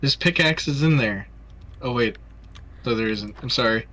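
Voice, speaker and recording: A young man with a bright, forceful voice at a middle pitch, chatting loosely during a gaming stream. He jokes around, swears freely and laughs at his own stories. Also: normal speed, a little hiss or hum. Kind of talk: casual gaming chat.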